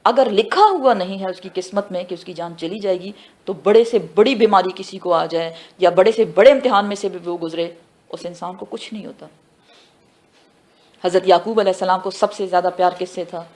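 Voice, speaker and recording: A woman giving a tafsir lesson who asks her students questions and answers them herself, mixing in English phrases and slowing down for the Arabic words. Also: medium pitch. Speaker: Quran teacher. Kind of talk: tafsir class lecture.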